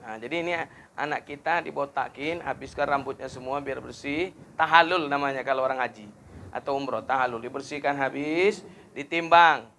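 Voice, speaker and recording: Male preacher, bright and forceful, rises high and loud for emphasis, faint background noise. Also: moderate pace. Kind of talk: sermon.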